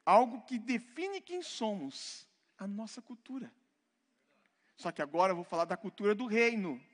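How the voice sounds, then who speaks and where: A Brazilian man with a Brazilian Portuguese accent preaches a conversational sermon, frequently checking in with his congregation. His high-pitched, expressive voice keeps a moderate pace, echoing with the long reverb of a church hall.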